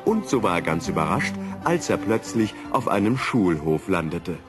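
A man narrates a children's story at a slow, gentle pace. His low voice moves a lot in pitch and keeps it lively. Soft music plays in the background. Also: a crowd in the background.

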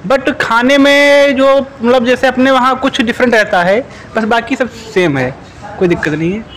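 Young man with a very high voice. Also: normal speed, a bit bright, slight background noise, poor audio. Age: young adult. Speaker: student being interviewed. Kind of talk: casual interview answers.

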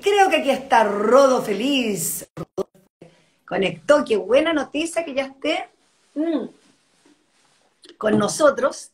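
A woman's voice: sits high, lively intonation, takes it slowly, long pauses. A woman hosting a live online show, chatting casually and greeting viewers by name from an open-plan home beside a kitchen. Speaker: host. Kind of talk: casual live-stream chat. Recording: echoey room.

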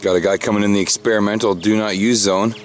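A man's voice: lowish voice, fairly even intonation, fast, slight background noise. A man on a small fishing boat, chatting casually and joking to the camera, swearing freely. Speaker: fishing vlogger. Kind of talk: casual outdoor chat with jokey commentary. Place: small fishing boat on a marshy bay outdoors.

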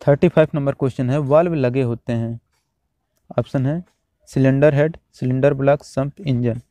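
A man teaching, reading out quiz questions and their options one by one, then repeating each answer in a steady drill. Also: medium pitch, moderate pace, a little hiss or hum. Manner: steady, repetitive exam-drill delivery.

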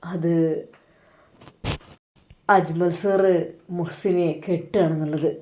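A woman with a Malabar Malayalam accent voicing a young male friend who talks quickly and coaxingly. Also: fairly low pitch, fairly even intonation, a little mellow, a little hiss or hum, voice pushed down. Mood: consoling. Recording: roomy echo.

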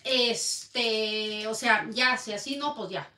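Mexican woman, high bright voice, rambling sales chat, echoey room, distant mic. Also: takes it slowly. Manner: chatty, rambling, addresses viewers directly. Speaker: online bag seller. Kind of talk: casual sales live stream.

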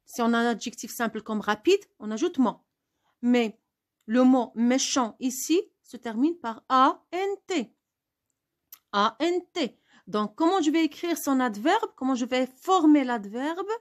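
A woman's voice: high voice, animated, measured pace. A woman teaching a spelling lesson, spelling words out letter by letter and asking questions she answers herself.

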